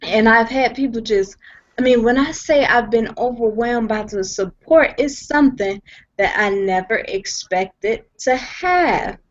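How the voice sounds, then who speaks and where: This young woman, a guest on a video call from her home, gives a personal testimony at a measured pace in a fairly high-pitched voice. She sounds earnest and emphatic, often repeating and restarting her sentences, and the recording is dull lo-fi video call audio.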